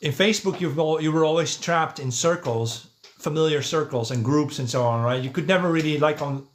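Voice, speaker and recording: A man from the Netherlands, Dutch by first language, talks a little high and a little fast. As a podcast host and livestreamer, he gives a casual monologue responding to chat, reasoning aloud and often adding "right?" or "yeah."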